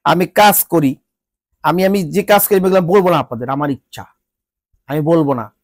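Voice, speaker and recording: A man's voice: on the high side, moderate pace, dry recording, clean studio sound. A Bangladeshi man vlogger with a congested, stuffy nose from a cold, giving an exasperated, scolding rant to his viewers with repeated rhetorical questions. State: sick with a cold, voice changed.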